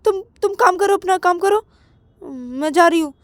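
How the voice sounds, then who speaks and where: Woman doing a high, stammering scolding girlfriend. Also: expressive, normal speed, dry recording. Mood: fussing, scolding. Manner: stammering, repeating words. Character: bossy young woman, playfully scolding lover. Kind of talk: storytelling role-play.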